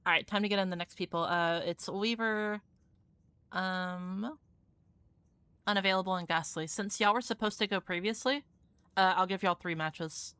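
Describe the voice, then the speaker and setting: Hosting viewer games on her live stream, a young adult woman talks casually, cursing freely and peppering everything with "like." Her mid-range voice moves at a normal pace and sounds pushed and bright, clean and dry.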